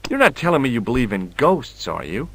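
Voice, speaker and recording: A man's voice: mid-range voice, big pitch swings, a little fast, background noise. A man voicing a wry male adventurer in a video game who questions people in a dry, sarcastic way. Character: wry adult male tourist sleuth, questioning a boy.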